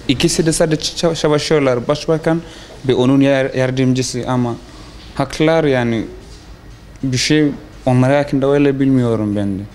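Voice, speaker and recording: A young man from South Sudan with a South Sudanese accent gives interview answers haltingly, in the broken Turkish of a non-native learner. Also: medium pitch, a little mellow, a little hiss or hum. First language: not Turkish. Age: young adult. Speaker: foreign student being interviewed.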